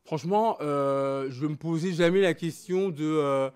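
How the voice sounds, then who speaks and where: A man born in Belgium and raised in Congo, speaking as a guest in a frank sit-down interview. His voice sits somewhat high and he talks with emphasis and animation. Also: unhurried, smooth. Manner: animated, emphatic, switching between French and Lingala. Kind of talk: candid personal interview.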